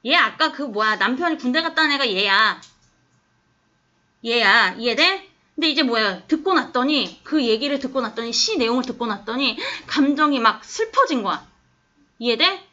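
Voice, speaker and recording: A woman teacher's voice, high and bright, walks a class through an English passage. She coaxes the students and keeps checking whether they follow. The recording is dull and lo-fi, as if captured in the classroom. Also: lively intonation, normal speed. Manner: coaxing, keeps asking the class if they understand. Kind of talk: classroom lesson explaining an English text.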